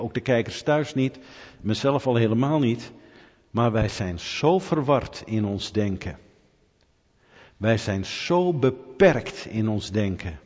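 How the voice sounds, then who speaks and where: A middle-aged man preaching a conversational sermon, asking rhetorical questions and building to animated emphasis. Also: medium pitch. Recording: dull hall reverb.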